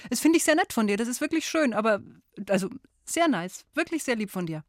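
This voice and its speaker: A woman's voice: a little high, very animated, brisk, no echo, studio quality. Friendly woman hosting a kids' call-in. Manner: friendly, encouraging with child callers. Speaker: radio show host. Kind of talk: call-in quiz show hosting for children.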